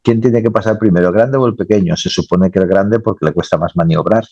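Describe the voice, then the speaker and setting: A man's voice: low voice, fast, dark tone, dry recording, highs cut off. A man, a naval engineer, answering interview questions casually and rambling, often adding tag questions.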